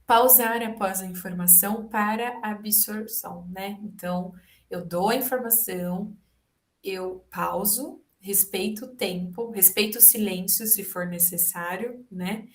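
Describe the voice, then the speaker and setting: A woman's voice: medium pitch, measured pace, reverberant. A woman with a Brazilian Portuguese accent giving a webinar lecture to health workers, explaining step by step and often checking in with tag questions. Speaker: health educator.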